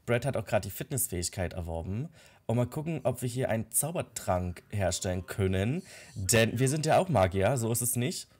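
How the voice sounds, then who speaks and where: Low-voiced man commenting on gameplay. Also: expressive, fairly quick, darkish tone, slightly rough. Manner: narrates the characters' thoughts and talk in his own voice, with frequent fillers. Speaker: Let's Play host.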